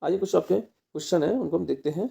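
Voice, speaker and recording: A man from India leads an exam-prep Hindi grammar lesson in a gravelly, slightly raised voice. His tone is hard and sharp rather than mellow. He keeps quizzing his students and then supplies the answer himself. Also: fairly high pitch, quick pace, dull audio. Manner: asks the class questions and answers them himself. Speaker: teacher.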